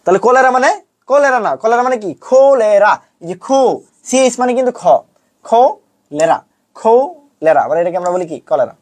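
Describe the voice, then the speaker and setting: A young man giving an online lesson, casual and teasing, often chanting memory rhymes slowly in a sing-song way. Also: very high-pitched, lively intonation. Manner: chanting mnemonics; colloquial teasing. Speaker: teacher.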